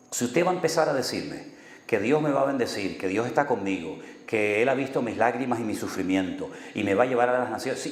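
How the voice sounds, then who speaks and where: A man's voice: medium pitch, a little mellow. Male pastor, sermon delivery, dry humor, echoey hall with long reverb. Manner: storytelling, acts out dialogue with dry humor.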